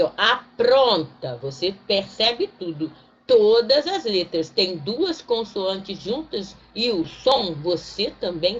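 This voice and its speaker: Woman teacher, lowish voice, patient step-by-step explainer, muffled lo-fi home recording. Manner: slows down to spell out example words one by one. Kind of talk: recorded online grammar lesson. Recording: dull lo-fi recording, faint noise.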